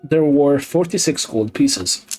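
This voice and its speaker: A man's voice: on the high side, lively intonation, takes it slowly, darkish tone, soft background music. A man running a tabletop game as game master, explaining rules casually and swearing freely.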